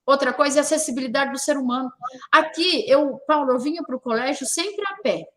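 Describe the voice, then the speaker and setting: A high-pitched woman from Brazil makes her points on a talk show with heavy emphasis. She repeats key words for weight and keeps asking rhetorical questions as she argues. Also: a little fast. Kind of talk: opinionated talk show discussion.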